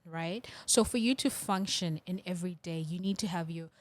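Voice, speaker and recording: A woman's voice: on the low side, moderate pace, no echo. A young woman from Africa co-hosting a casual chat, laughing easily and explaining things carefully. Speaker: podcast co-host.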